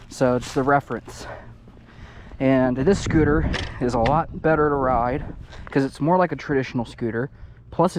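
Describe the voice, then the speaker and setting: A young man vlogs outdoors on pavement, upbeat and chatty, laughing often and a bit out of breath. His voice is mid-range with a darkish tone, and outdoor noise can be heard behind him.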